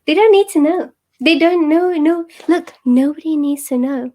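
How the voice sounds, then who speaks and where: Her voice sits high and her pace is moderate as this British woman, a fine art photographer, co-hosts a live-stream chat. She's giggly, animated, and playful throughout the casual conversation.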